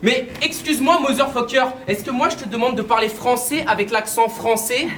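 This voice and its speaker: A man's voice: very high-pitched, normal speed, background noise. A man with a Québécois accent delivering a mocking, punchy rap battle verse. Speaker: battle rapper. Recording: distant mic in echoey venue, loud crowd.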